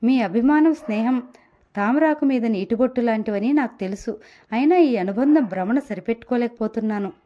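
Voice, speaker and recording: A woman's voice: fairly high pitch, a little fast, dull audio, close to an everyday voice. A woman voicing a lonely, hurt, lovesick married woman who speaks in a wounded, tearful, yearning way, in a story reading.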